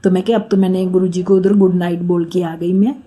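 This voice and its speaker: A woman's voice: fairly low pitch, flat delivery, brisk, mellow, slightly rough. A middle-aged woman from India sharing a long, earnest devotional testimony, rambling and repeatedly addressing the listeners directly.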